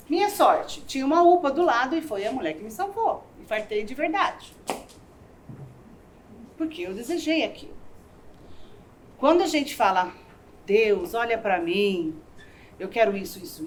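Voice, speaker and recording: A woman's voice: fairly high pitch, slight background noise. A middle-aged woman giving a motivational talk, telling personal stories with acted-out dialogue and checking in with the audience. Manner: animated storyteller, acts out quoted dialogue; addresses audience with "né?" and "tá?". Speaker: speaker at a seminar. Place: event hall with audience.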